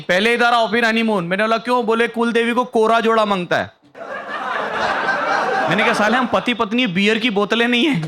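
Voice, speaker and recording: A man's voice: high voice, bright, forceful tone. A young man performing a stand-up comedy set on stage, telling a story and acting out the other people in it. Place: stage before a live audience.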